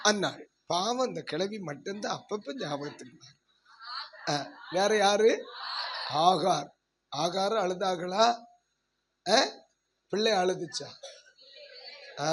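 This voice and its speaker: A male pastor preaching a sermon in a church service, asking the congregation questions and leading loud prayer. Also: high voice, a little hiss or hum. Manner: leads loud prayer and shouts of hallelujah.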